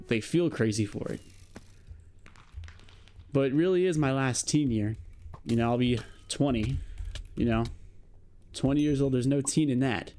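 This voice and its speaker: In a casual vlog monologue, a late-teen young man reflects aloud to the camera, rambling and leaning on fillers and "you know." He speaks at medium pitch with a slightly mellow quality, over slight background noise.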